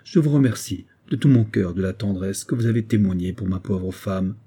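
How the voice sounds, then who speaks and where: A stubborn young captain in a period novel, grieving and brooding, his voice low, dark and husky, his words measured and grave, as a male narrator gives him voice.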